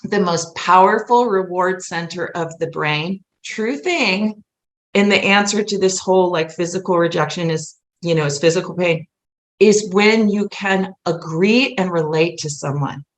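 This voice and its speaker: A musical playwright guests on a podcast, talking casually and earnestly in an emphatic, rambling way. Her voice sits on the low side at a measured pace, and the recording sounds roomy and echoey.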